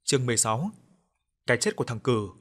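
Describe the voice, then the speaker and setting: A man narrating a story in the first person, with a somber, measured reading and acted dialogue. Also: medium pitch, big pitch swings, fairly bright tone.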